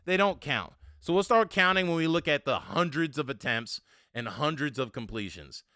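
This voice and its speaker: A man hosting a sports podcast, talking casually with animated, annoyed rhetorical questions. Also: fairly high pitch, moderate pace, no room sound, clean studio sound. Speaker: podcast host.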